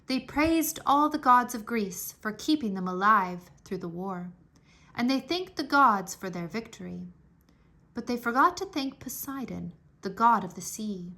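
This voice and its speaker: A woman reads a children's history book aloud for young listeners, her fairly high voice moving a little slowly. The scripted narration is expressive, with clear diction and dramatic stress on key words.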